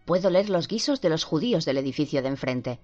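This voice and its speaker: Un niño asustado y maltratado, leído por una mujer. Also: female voice, sits low, lively intonation, a little fast, darkish tone. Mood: fearful. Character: frightened abused young boy recounting. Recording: dull lo-fi with faint music.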